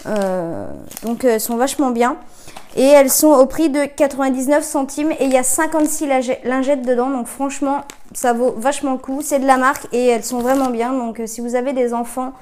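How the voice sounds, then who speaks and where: High-voiced chatty woman on phone camera. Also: brisk, darkish tone. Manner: chatty, many filler hesitations and self-corrections. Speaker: vlogger reviewing discount-store buys. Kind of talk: casual chatty product haul.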